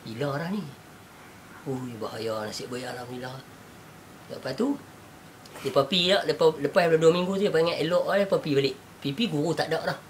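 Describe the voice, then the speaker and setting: A man's voice: on the high side, a little fast, a little hiss or hum. A man with a Northern Malaysian Malay accent, telling a spiritual teaching story in a casual chat, acting out the people he quotes and laughing often.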